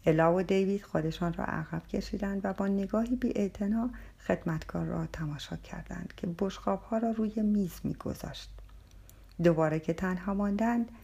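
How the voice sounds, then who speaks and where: A woman reading a novel aloud as an audiobook narrator, in a soft, hushed way. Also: lowish voice, gravelly, husky.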